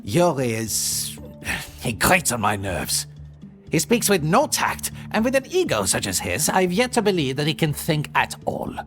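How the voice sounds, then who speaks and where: In an ASMR audio roleplay, an actor voices the lead of an audio drama: a weary, theatrical immortal who speaks in florid, sardonic turns, sounding wry and tired. His voice is a little high, with huge pitch swings and an unhurried pace. Soft music plays behind him.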